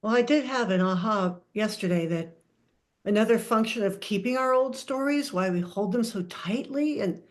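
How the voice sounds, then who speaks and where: A woman's voice: medium pitch, normal speed. An older woman in a casual book club discussion, speaking candidly and swearing freely.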